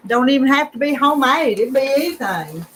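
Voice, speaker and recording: A woman's voice: sits high, expressive, fairly quick, a little hiss or hum, low-quality recording. A woman with a Southern American accent hosting a casual quilting chat, laughing often and talking while she eats. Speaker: host of a quilting get-together. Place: farm sewing room with other quilters.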